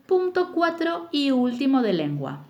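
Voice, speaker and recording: Young woman teacher, animated patient delivery for a remote class. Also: high-pitched, creaky, lo-fi sound. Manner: slow, emphatic spelling-out of words for children. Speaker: primary school teacher. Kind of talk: recorded remote lesson, explaining exercises.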